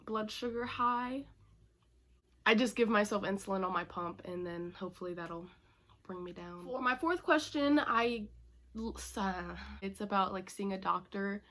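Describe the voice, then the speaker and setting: A woman's voice: medium pitch, moderate pace, fairly bright tone. A young woman talking casually to her camera in a Q&A vlog, chatty and full of "like" and "um". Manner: chatty, many fillers like "like" and "um". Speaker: vlogger.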